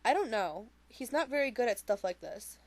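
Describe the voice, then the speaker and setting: A woman's voice: on the high side, animated, normal speed. A woman reading the lines of a wisecracking teenage girl in treatment who jokes and rambles with restarts. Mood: wry.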